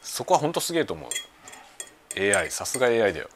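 A man hosting a casual chat show, talking in a relaxed, rambling way over lunch at home. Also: lowish voice, very fast. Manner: relaxed rambling talk while eating lunch. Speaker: podcast host. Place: home kitchen with everyday sounds. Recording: faint household background noise.

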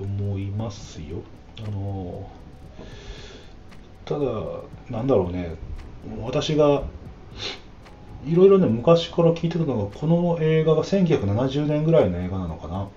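A man with a very deep, mellow voice talks through a casual solo podcast, his pitch swinging widely as he chats. He fills pauses with long drawn-out "um"s. The lo-fi recording sounds slightly dull, with faint hiss behind him. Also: echoey room. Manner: chatty, with frequent drawn-out "um" fillers. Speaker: podcast host.

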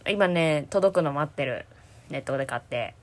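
A woman's voice: sits low, animated. A woman co-hosting a casual talk podcast, chatting in a playful, easygoing way. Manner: quick, playful, reads listener letters aloud. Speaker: podcast co-host. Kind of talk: casual chat.

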